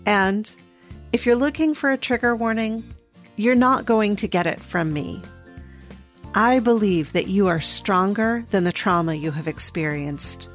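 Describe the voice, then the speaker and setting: A woman's voice: mid-range voice, lively intonation, measured pace, faint music behind. A woman hosting a podcast, giving scripted introductions and asking interview questions. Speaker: podcast host, intimacy coach.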